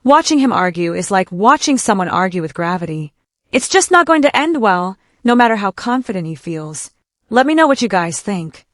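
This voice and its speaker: A woman's voice: mid-range voice, sing-song, moderate pace, no echo, clean studio sound. A woman hosting with scripted opinion commentary in a mocking, incredulous manner. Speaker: commentary host.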